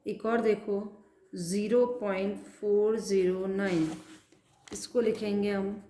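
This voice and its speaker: Slow, patient maths teacher, woman. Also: medium pitch, flat delivery, warm tone, roomy sound, a little hiss or hum. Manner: slow and patient, counting aloud and asking pupils questions. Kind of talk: classroom math lesson, writing as she explains.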